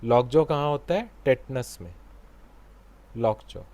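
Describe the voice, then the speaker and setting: An unhurried male teacher with an Indian English accent leads an online exam class. He switches between Hindi and English and stops often to quiz his students. He speaks over a video call. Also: medium pitch, lively intonation, dark tone. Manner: slow, mixes Hindi and English, quizzes students.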